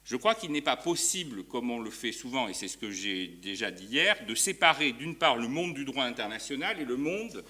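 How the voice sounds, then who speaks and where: Bright-voiced French law professor lecturing. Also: male voice, mid-range voice, lively intonation, moderate pace, few pauses. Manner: hesitant, many fillers and restarts. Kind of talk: academic conference talk. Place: university lecture hall.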